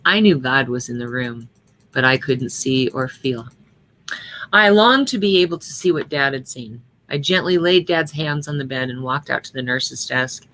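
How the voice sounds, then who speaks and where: A woman's voice: extremely low pitch, expressive, moderate pace, fairly bright tone, a little hiss or hum. A middle-aged woman reading a personal story aloud at a memorial service, with earnest storytelling that lightly acts out the dialogue, then reflecting on it.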